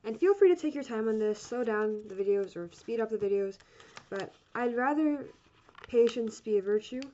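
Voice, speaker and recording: A woman's voice: a little high, moderate pace. A woman giving a casual step-by-step craft tutorial as an instructor, chatty and rambling, often apologetic and correcting herself. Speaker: origami course instructor. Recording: dull lo-fi sound, steady noise.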